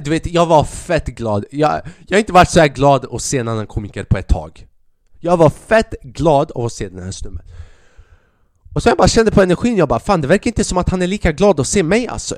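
A young man, a comedian and podcast host, telling a story in a casual, animated way, swearing often and acting out what people said. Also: fairly high pitch, dry recording, studio quality. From Sweden. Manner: animated, swears a lot, acts out quoted lines.

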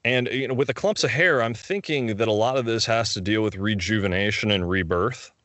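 Man, low voice, dry close sound, recapping a movie plot, casual chat. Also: a little fast, fairly bright tone, dry recording. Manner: retells scenes, acting out quotes. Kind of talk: casual film discussion.

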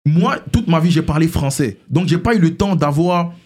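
A man from Ivory Coast with a French-sounding accent, a rapper guest explaining himself in an animated, emphatic casual conversation. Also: fairly high pitch, normal speed.

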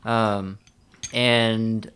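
A man tasting tea in a casual chat, relaxed and joking, with frequent "like" and "um" fillers. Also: lowish voice, very slow, smooth. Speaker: tea enthusiast guest.

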